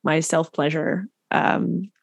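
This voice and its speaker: A woman's voice: low voice, flat delivery, takes it slowly, creaky, husky, dry recording. A woman hosting a podcast, chatting casually and affirming her guest, often restarting her sentences. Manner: warm, affirming, many restarts. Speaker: podcast host.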